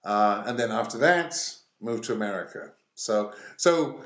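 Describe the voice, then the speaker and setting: A middle-aged man from England answers interview questions in a halting, pausing way. His voice sits on the low side and carries the ring of an echoey room. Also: expressive, lo-fi sound. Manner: halting, pausing often between phrases. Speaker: interview guest. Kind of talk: conversational interview.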